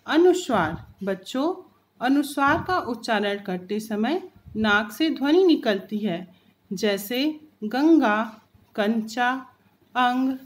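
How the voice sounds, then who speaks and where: A woman teacher giving a recorded grammar lesson to children, speaking carefully and drawing out each example sound. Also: a little high.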